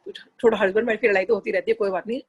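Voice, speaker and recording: A woman's voice: mid-range voice, fairly even intonation, very fast, breathy edge, lo-fi sound. A middle-aged woman telling a personal devotional story in a chatty, earnest way, often slipping into English phrases. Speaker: satsang devotee sharing a personal experience. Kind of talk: casual spoken testimony.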